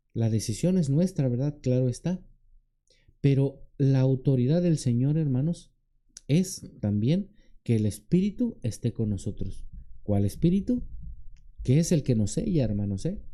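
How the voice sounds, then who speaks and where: A man serving as a deacon, preaching a conversational sermon that often turns to questions for the congregation and acts out quoted lines in a raised voice. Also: mellow. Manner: acts out quoted pleading in a higher voice.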